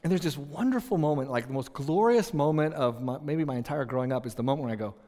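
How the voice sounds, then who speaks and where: Animated pastor man in an echoing hall. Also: on the high side, quick pace. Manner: animated, storytelling, many restarts, conversational. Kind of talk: sermon with storytelling. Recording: long reverb in a large hall.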